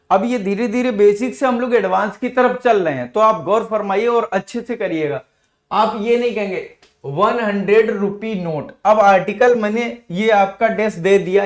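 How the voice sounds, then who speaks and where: A man's voice: high-pitched, echoey room. A male teacher explaining grammar to students in a classroom, calling them "beta" and patiently walking through examples.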